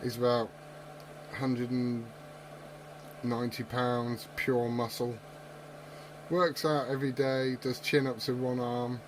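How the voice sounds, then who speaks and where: Telling tall tales over the CB radio, this man jokes around and swears without restraint in a casual chat. He talks slowly in a mid-range voice with little pitch movement, pausing often, on a very noisy channel with clicks.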